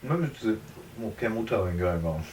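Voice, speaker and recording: A man's voice: on the low side, animated, a little mellow, slight background noise. Laid-back New Zealand man, distant and roomy. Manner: laid-back, chiming in with quick asides. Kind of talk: casual podcast chat. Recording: roomy, set back from the mic.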